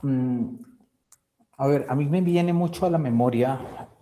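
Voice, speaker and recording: A man from Colombia offers critical feedback on a student's project over a video call. His voice is very dark and mellow, and he stumbles through restarts and repeated words as he searches for his point. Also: mid-range voice, slow pace, a little hiss or hum. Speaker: thesis committee member. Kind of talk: academic feedback.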